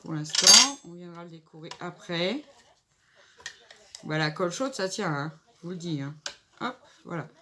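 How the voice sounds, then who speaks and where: A craft vlogger with a cold talks casually while making a table decoration, thinking aloud through a stuffy, nasal voice. Her pitch is fairly low and her delivery animated at a moderate pace, with frequent pauses. Heavy background noise fills the recording.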